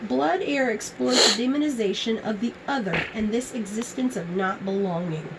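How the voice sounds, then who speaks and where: A woman's voice: on the high side, normal speed, heavy background noise. A woman giving an enthusiastic, casual book haul review, chatting and reading blurbs aloud in a somewhat strained voice. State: strained voice, as she apologizes for it.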